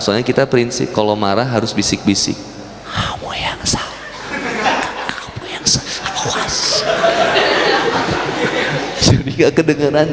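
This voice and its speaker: A male preacher giving a humorous sermon, joking with the congregation and acting out little dialogues. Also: fairly high pitch. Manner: jokey, addresses audience as Pak, acts out quotes. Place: mosque hall. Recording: echoey mosque hall, faint ambience.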